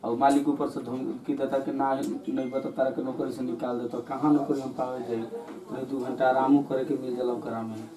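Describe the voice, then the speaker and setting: A young man with a Bhojpuri accent talks in a coaxing, pleading way, his voice pitched in the middle range for a man. He is recorded outdoors in a village, and the chatter of a crowd carries behind him. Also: little pitch movement, normal speed, distant mic. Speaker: husband leaving for work. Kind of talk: village comedy sketch dialogue.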